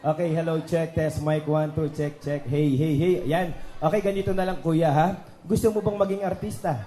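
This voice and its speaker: A man's voice: fairly high pitch, fairly even intonation, moderate pace, warm tone, a faint crowd. A man hosting a children's party as the magician, teasing the guests and leading cheers over a microphone. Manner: joking, teasing, coaxes kids and guests. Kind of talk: lively party hosting with crowd banter. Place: indoor party venue with PA speakers. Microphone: handheld microphone through PA. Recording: echoey PA sound with party music. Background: party music.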